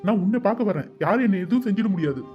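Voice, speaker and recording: Worried lover Kathir. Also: male voice, high voice, expressive, racing, dull audio, soft background music. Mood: insistent. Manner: urgent, pleading, protective. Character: worried young man Kathir, protective lover. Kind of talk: cartoon voice acting.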